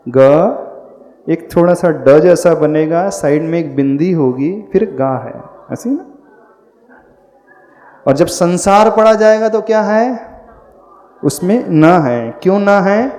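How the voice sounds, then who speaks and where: A man's voice: fairly high pitch, warm tone. A man teaching the pronunciation of Sanskrit verses, patiently asking his listeners questions as he goes. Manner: slow, patient teacher who quizzes listeners. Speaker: Jain monk teaching recitation. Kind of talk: pronunciation lesson.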